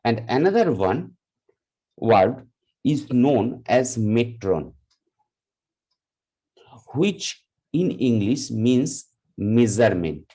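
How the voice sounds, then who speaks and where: A man teaching a live class, explaining slowly and deliberately, often repeating himself. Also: medium pitch, sing-song, dark tone, husky, low-quality recording. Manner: slow, deliberate explaining with repetition. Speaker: lecturer.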